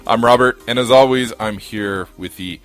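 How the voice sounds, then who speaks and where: A man's voice: medium pitch, normal speed, fairly bright tone, faint music behind. A man hosting a casual gaming podcast, playful and digressive, often breaking into laughter. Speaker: podcast host. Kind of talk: casual podcast chat about games.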